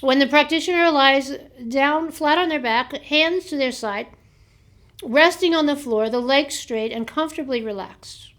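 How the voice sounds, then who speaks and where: An American woman hosting a book show, chatting casually and reading aloud from books and notes, a little hoarse from a slightly sore throat. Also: high voice, a bit bright. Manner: chatty, laughs at herself, reads aloud haltingly. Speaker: host of a book review show.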